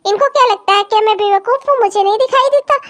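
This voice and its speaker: A woman voicing a jealous, sharp-tongued young daughter-in-law in a cartoon comedy, sarcastic and complaining with a falsely sweet edge. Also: extremely high pitch, fast.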